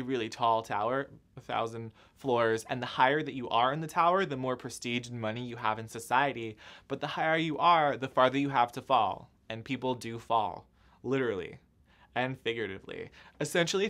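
Filming by himself indoors, this young book vlogger keeps things casual in his book haul video. His voice is fairly bright and medium in pitch, and he chats cheerfully, often joking at his own expense.

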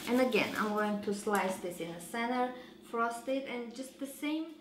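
A woman in her thirties hosting a home cooking show, giving slow, relaxed instructions with frequent fillers while she works. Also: on the high side, echoey room, background noise. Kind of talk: cooking demonstration. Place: large home kitchen.

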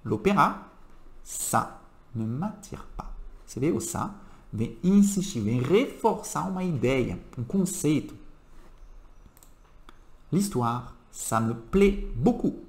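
A man teaches with a lively, swooping delivery, his pitch rising and falling as he leans on key words. His voice sits at a middling pitch and bounces around a roomy, echoing space. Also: slow, long pauses. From France. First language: French. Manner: animated, emphatic teacher's delivery. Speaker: French teacher. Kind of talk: language lesson.

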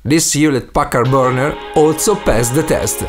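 An Italian man hosts and narrates a scripted DIY tutorial over music, speaking English with an Italian accent and non-native phrasing. His voice is medium in pitch at a normal speed.

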